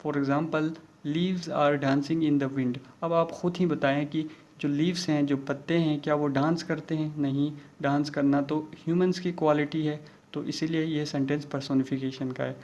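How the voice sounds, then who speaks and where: A male teacher talks through a lesson in a slightly high, level voice with little rise and fall. He mixes English terms into his Hindi-Urdu explanation and reads English example sentences slowly. The recording sounds dull and lo-fi. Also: fairly even intonation, a little mellow. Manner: keeps repeating "okay" as a check-in.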